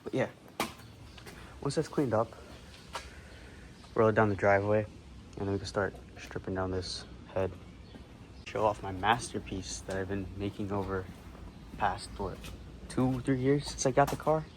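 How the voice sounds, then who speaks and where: A man's voice: on the low side, normal speed, long pauses, a little hiss or hum, low-quality recording. A young man narrating a casual car-build vlog in his home garage, laid-back and swearing freely, recorded on a camera mic.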